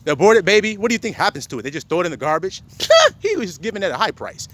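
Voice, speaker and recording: A man acting as a self-styled preacher unleashes a profane, confrontational rant, quoting scripture, swearing heavily and firing rhetorical questions at his listeners. His voice sits high and a bit bright, expressive and racing, with a little hiss or hum in the recording.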